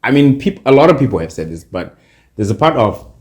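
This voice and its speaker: A man from Zimbabwe co-hosting a casual podcast chat, relaxed and thoughtful, with frequent fillers. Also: mid-range voice, a little fast. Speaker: podcast co-host.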